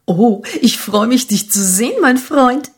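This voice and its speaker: A woman voicing a friendly, quick-witted swallow in a fable, with a light, breathy, lilting voice. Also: fairly high pitch, expressive, pitched above the performer's own voice. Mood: cheerful.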